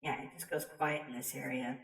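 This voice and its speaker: Low-voiced woman chatting, roomy sound. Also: flat delivery, fairly quick, gravelly. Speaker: video game streamer. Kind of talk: casual chatty commentary. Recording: roomy echo, distant from mic.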